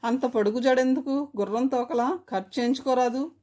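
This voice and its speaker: A haughty young woman from a read-aloud storybook, sneering and condescending, as a woman narrator voices her. The voice is a little high and close to the reader's own. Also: moderate pace, mellow, lightly acted. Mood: mocking.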